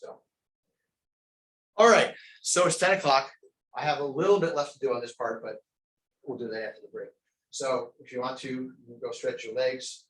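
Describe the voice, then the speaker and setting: Brief: male trainer lecturing a class, casual and rambling, bright voice, picked up from afar. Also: medium pitch, moderate pace, long pauses. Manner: conversational, rambling, many fillers. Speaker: crisis intervention trainer. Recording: echoey training room, distant mic, faint noise.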